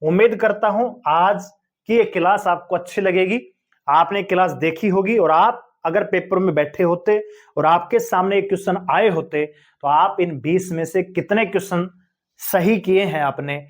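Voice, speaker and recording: Male tutor, high-pitched, chatty, quizzing listeners with rhetorical questions. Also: moderate pace. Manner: explains step by step with frequent rhetorical questions; addresses viewers as friends, conversational. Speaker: teacher. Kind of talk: exam-prep grammar lesson.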